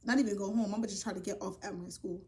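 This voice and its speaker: A young woman casually telling a personal story to her viewers, animated and profane, often calling them y'all. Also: medium pitch, very fast. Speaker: vlogger. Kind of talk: storytime vlog.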